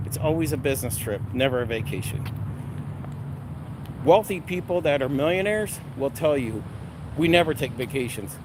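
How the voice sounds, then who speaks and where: A middle-aged man talking casually in a rambling vlog, with a blunt, salty, abrasive manner. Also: a little high. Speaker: vlogger. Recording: noisy outdoor or vehicle ambience.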